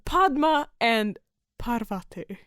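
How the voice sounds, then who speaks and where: A woman's voice: fairly high pitch, animated, takes it slowly, fairly bright tone, smooth, dry recording, studio quality. A woman co-hosting a podcast, chatting casually and animatedly with a co-host and swearing freely. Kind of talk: casual chat.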